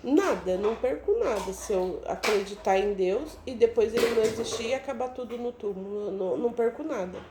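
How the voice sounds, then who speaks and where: A woman telling a casual, animated personal story as a mother, often adding "né?". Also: on the high side, brisk, hardly any pauses, roomy sound, noisy background. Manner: animated, chatty, often adds "né?".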